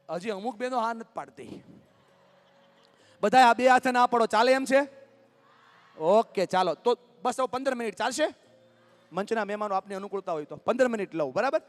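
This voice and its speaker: A man gives a live motivational talk. He is lively and coaxing, joking with the crowd from the stage. His voice rings with long reverb in a large hall. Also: high-pitched. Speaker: motivational speaker.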